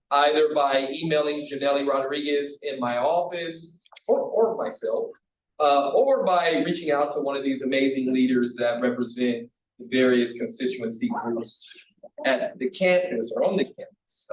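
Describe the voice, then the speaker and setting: A man chairing a college council meeting, relaxed and joking between agenda items. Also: a little high. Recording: echoey room from far off, faint hiss.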